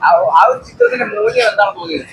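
A man's voice: sits high, sing-song, fast talker, a bit bright, breathy edge. A man doing street interviews about a film as the interviewer, eagerly putting leading questions to people in a noisy location.

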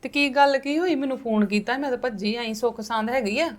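A woman playing a mother who tries to calm her son-in-law, then scolds her daughter with emotion. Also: a little high, fairly quick, close to an everyday voice. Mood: concerned. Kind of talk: amateur family drama acting.

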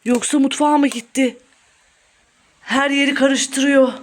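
A young mother playing a pretend-scared hiding game with her son in a home vlog, talking theatrically in gasps and hushed whispers. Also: high voice, steady tone, unhurried, dry recording. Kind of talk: pretend-play family vlog.

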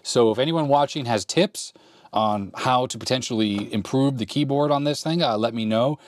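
A medium-pitched man at normal speed, with no room sound, casually thinks aloud while typing on an old computer he's testing. He's a retro computer repair YouTuber in his forties, filmed up close in a cluttered workshop, giving a relaxed demo amid keyboard clicks.

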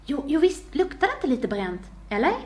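A woman's voice: sits high, big pitch swings, a little mellow, voice pushed up. A woman voicing a dreamy, jealous young lady at a ball, whispering her daydreams. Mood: relieved.

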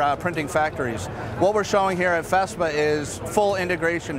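Upbeat man pitching at a trade show. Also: background noise. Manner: brisk, upbeat sales talk with frequent "uh" fillers. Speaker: marketing executive. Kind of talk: trade show product walkthrough. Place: busy indoor trade fair hall. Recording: clear trade hall ambience behind.

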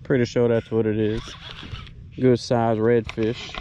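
A man talking excitedly to himself while fighting a fish from a kayak, recorded outdoors on an action camera. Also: medium pitch, unhurried, dull audio, a little hiss or hum. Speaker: kayak angler filming his catch. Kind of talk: casual first-person commentary. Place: outdoors on a kayak on open marsh water. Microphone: head or chest-mounted action camera.

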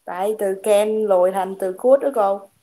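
A woman's voice: medium pitch, moderate pace, slight background noise, rough recording. A teenage girl student answering her teacher hesitantly in an online class. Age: teens. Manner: hesitant, soft-spoken.

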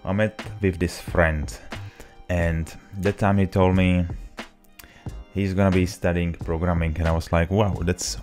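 Soft music plays in the background as a young vlogger from the Czech Republic tells his story to camera at a measured pace, his voice sitting low. He has a Czech accent and speaks in slightly broken English, relaxed and casual, into a boom-arm desk mic in his small home office.

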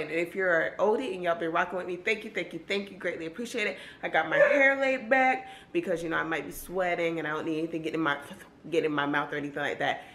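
A young woman vlogger with a lowish, slightly raspy voice chats excitedly to viewers in a casual home vlog, with loud bursts of excitement. She films at arm's length on a handheld camera, later switching to a table camera, in her kitchen and at the dining table. The room is echoey, with background music.

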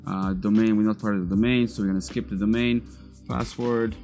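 Speaking fairly quickly with a low, dark voice and fairly even intonation, a Polish-native man in his thirties casually narrates a step-by-step computer tutorial as a data recovery technician. Faint music plays behind him in his cluttered indoor workshop or lab, his lapel mic catches every word, and his speech is full of fillers and restarts.

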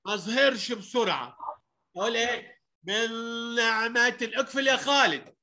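High-voiced Egyptian man teaching recitation. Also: lively intonation, sharp tone, slight background noise. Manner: explains rules, then recites verses slowly and stretched out; coaxing questions to children, calls them heroes. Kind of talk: online class on Quranic recitation rules. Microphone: video call.

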